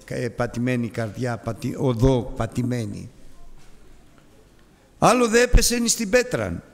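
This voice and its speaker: A man's voice: fairly high pitch, a bit bright, in a large hall. A man preaching a sermon with an impassioned, emphatic delivery that rises and repeats its phrases.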